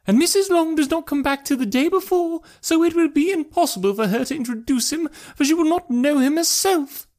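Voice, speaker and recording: Man putting on a shrill, fretful middle-aged mother. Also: brisk, a little mellow. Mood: exasperated. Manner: shrill, dramatic, exclaiming. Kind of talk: audiobook character voice.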